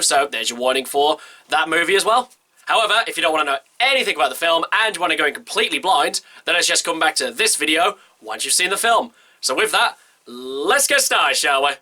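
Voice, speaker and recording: A young man with a stuffy nose from a cold hosts a vlog, giving a casual movie review to camera. His voice is on the high side, bright and forceful, and he's chatty and enthusiastic, speaking in quick run-on sentences.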